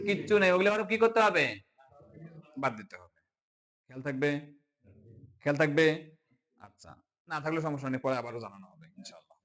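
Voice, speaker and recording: A man teaching Quran reading to a live online class, drilling letters slowly and asking the class to answer, chanting the spelling in a drawn-out singsong. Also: sits high, a bit bright.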